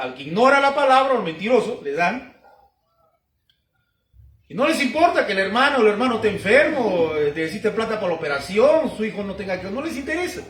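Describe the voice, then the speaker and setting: Recorded off-mic with a roomy sound, this man from Peru preaches a teaching sermon in a high, fairly bright voice. His delivery is emphatic, built on repeated rhetorical questions.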